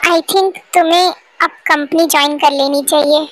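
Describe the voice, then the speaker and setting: A woman's voice: high voice, fairly even intonation, normal speed, close to an everyday voice, rough recording. A woman voicing an earnest, concerned young man who looks out for his friend, in an amateur fan dub. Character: worried loyal young man, best friend.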